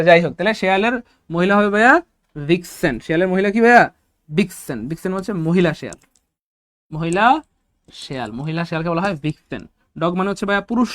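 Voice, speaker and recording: A man teaching English for job exams in an online lecture, energetic and repeating key words to his viewers. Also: high-pitched, no echo, studio quality. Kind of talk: online exam-prep lecture.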